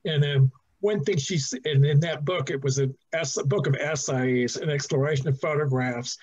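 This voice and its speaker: A middle-aged man from New Jersey, a museum docent giving a relaxed, chatty guided talk over a video call, with fillers and restarts. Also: fairly high pitch, normal speed. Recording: dull lo-fi video call audio.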